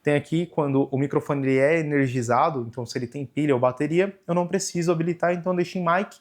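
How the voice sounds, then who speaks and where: Homem brasileiro explicando menu da câmera. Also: male voice, fairly high pitch, fast talker. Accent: Brazilian Portuguese. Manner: relaxed, explains step by step with frequent "né" and "tá". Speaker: camera tutorial host. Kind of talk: casual hands-on tutorial. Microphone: camera microphone.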